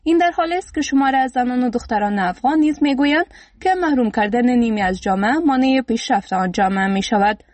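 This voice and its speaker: A woman reading a scripted radio news report in an even, formal tone. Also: a little high. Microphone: dry studio mic.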